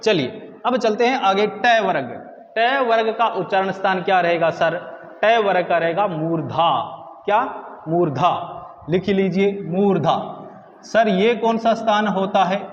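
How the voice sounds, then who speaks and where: A man's voice: high-pitched, echoey room, big-room sound, lo-fi sound, slight background noise. A man teaching Hindi grammar for exam prep, asking his own questions and answering them himself.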